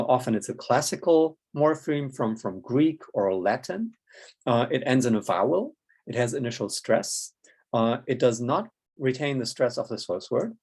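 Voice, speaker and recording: A man's voice: medium pitch, darkish tone. A man giving a recorded academic lecture, talking through results step by step, with many "uh" fillers and a questioning "yeah?" to check in with listeners. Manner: methodical, frequent tag "yeah?" and "uh" fillers. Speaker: linguistics lecturer. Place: indoors, room near a window with rain outside.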